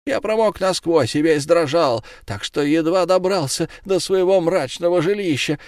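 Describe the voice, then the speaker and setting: A man voicing a vicious, gloating male fishmonger in a storybook reading, with shrill, spiteful, drawn-out shouting. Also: dry recording, clean studio sound, close to an everyday voice. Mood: pleading.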